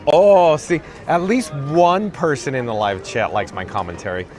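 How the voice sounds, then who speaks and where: Holding his own camera rig on a parade route, a raspy-voiced man livestreams casually, reading the chat aloud in a dry, self-deprecating monotone. His pitch sits on the high side and his speed is normal. Crowd noise and music fill the background.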